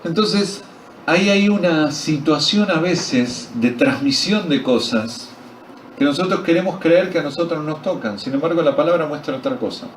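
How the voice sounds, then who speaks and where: Here the Argentine-accented preacher sounds fairly high-pitched and moves at a normal pace, questioning the men at the retreat and joking as the story unfolds. A faint hiss or hum runs under the far-off capture of the reverberant hall.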